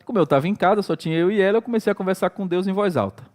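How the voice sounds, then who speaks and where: A pastor with a Brazilian Portuguese accent preaching in a conversational way. He tells personal stories and acts out his own prayers and outbursts with animated delivery. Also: high-pitched, very fast. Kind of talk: sermon with personal storytelling.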